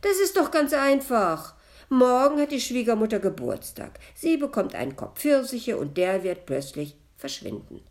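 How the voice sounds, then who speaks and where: A woman's voice: fairly low pitch, big pitch swings, slow, vocal fry, a little mellow, heavily acted. A woman voicing the ghost of a young girl, whiny, touchy and plaintive, in a read-aloud story. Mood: scheming.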